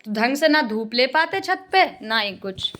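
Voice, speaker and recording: A young woman venting emotionally in a casual home vlog, often speaking quietly while cooking in her kitchen. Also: sits high, lively intonation, unhurried. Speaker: vlogger, single mother.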